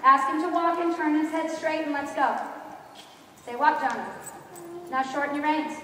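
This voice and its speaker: A woman with a high voice teaches riding in brisk, projected commands. She is firm and instructive, putting questions to her pupil. The sound is distant and very reverberant, as in a large arena, with some faint noise behind her. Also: steady tone, fairly bright tone. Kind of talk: live riding lesson coaching. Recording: echoey hall, distant mic, background noise.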